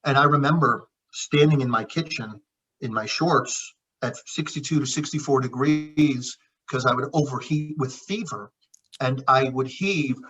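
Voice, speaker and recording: A man's voice: mid-range voice, unhurried, fairly bright tone, slightly rough. A middle-aged man, a naturopath and chiropractor, telling personal stories in an earnest, reflective conversational way, often calling his co-host by name. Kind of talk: heartfelt conversational storytelling. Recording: dull lo-fi sound.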